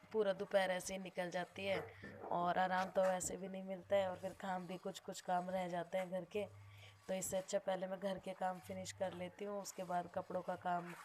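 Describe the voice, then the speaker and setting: A woman's voice: mid-range voice, darkish tone. A young woman from India narrating a casual home vlog while doing chores and minding her baby. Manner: chatty, talks to the viewer while doing chores. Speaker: vlogger mother. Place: home kitchen.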